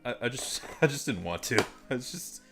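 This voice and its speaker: A deep-voiced toy reviewer rambles through a casual unboxing chat, self-deprecating and swearing offhand. He is expressive at a moderate pace, with music in the background. He is recorded on a desk microphone and a phone mic.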